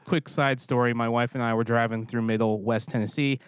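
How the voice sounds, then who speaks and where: A man's voice: medium pitch, steady tone, brisk, clean tone. A man co-hosting a podcast in casual chat, easygoing and a bit rambling as he reads tips and ads. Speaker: podcast co-host.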